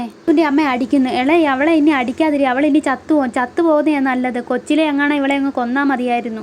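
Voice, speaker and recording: A woman retelling a TV serial episode in brisk storytelling, reading every part herself. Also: high voice, darkish tone, slight background noise.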